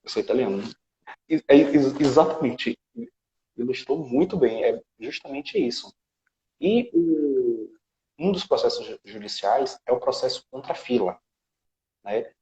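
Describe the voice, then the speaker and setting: In an explanatory interview, a Brazilian Portuguese-accented man who specializes in citizenship law lays out a legal process step by step and frequently checks in using tag questions. His medium-pitched voice is sing-song, unhurried, gravelly and mellow, heard in an echoey room with highs cut off.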